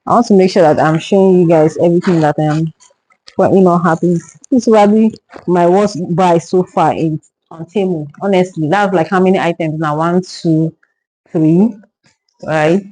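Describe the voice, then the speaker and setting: A woman's voice: fairly low pitch, fairly even intonation, normal speed, warm tone, breathy edge, no room sound, poor audio. A young woman from Nigeria reviewing a haul to camera in casual talk, exasperated and stumbling over repeated words when upset. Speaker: vlogger.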